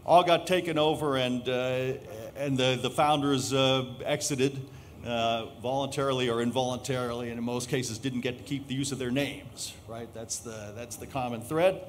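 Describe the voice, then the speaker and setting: A middle-aged man moderating a live panel discussion, speaking haltingly with many filler sounds and polling the audience. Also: medium pitch, fairly even intonation, a little hiss or hum.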